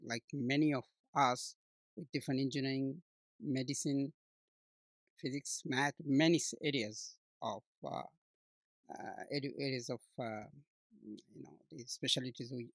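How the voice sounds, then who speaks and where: A man in his sixties from Bangladesh, talking as an interview guest, halting often with fillers and restarts. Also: mid-range voice, dry recording. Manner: hesitant, many restarts and fillers, warm laughs. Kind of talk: conversational interview.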